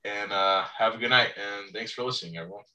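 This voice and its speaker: Deep-voiced man hosting a casual podcast. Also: fast, echoey room, recorded from a distance, dull audio. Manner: rambling, repeats himself, relaxed. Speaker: podcast host. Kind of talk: casual fantasy football chat.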